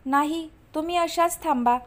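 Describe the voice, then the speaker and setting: A woman's voice: high voice, normal speed, natural voice. A woman voicing a playful young man who teases. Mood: teasing.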